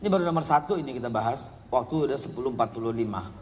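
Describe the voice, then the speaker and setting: A middle-aged man preaching a parenting sermon to a congregation, animated, swinging from quiet asides to loud scolding outbursts. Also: mid-range voice, racing, a little hiss or hum. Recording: echoey hall reverb.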